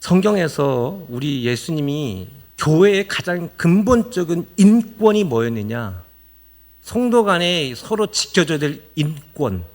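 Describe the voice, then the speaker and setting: Man, pastor, sermon, earnest, urging, higher voice, very lively intonation. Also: measured pace. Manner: animated, acts out quoted voices of church members; earnest, explaining and urging the congregation.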